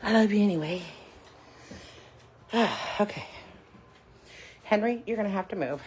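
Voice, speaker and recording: A little slow and slightly mellow, this medium-pitched woman's voice comes through a phone livestream with a bit of hiss or hum. She hosts a casual home-kitchen cooking stream, chatty and addressing viewers as "y'all," somewhat hot and winded.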